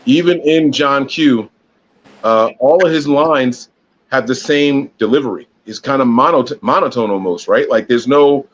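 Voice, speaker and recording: A man's voice: medium pitch, slight background noise. Laid-back man on a dull lo-fi line. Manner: laid-back, teasing, drawn-out delivery. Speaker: podcast co-host. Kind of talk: casual live podcast chat. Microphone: phone.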